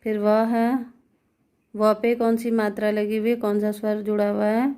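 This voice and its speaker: A woman's voice: medium pitch, flat delivery, moderate pace, mellow, clear, resonant tone. A woman teacher explaining grammar step by step, asking questions and answering them herself. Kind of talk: Hindi grammar lesson.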